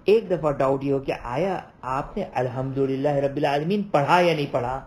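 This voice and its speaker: A man's voice: medium pitch, darkish tone. A man giving an online religious law lecture over a video call, explaining step by step, repeating points and checking with "right?".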